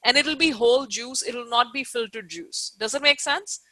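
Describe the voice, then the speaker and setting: Woman, fairly high pitch, very bright forceful tone, dry close sound, informal lecture style, emphatic explanations. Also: normal speed, dry recording. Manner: explanatory and emphatic, repeats key points, often checks understanding. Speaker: Ayurveda teacher giving an online lecture. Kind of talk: informal live online lecture with check-in questions.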